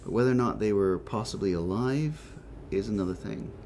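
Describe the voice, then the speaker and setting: A man's voice: on the low side, a little fast, darkish tone, a little hiss or hum. A man doing casual let's play commentary, thinking aloud, with a whistling s from a chipped tooth. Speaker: gaming host.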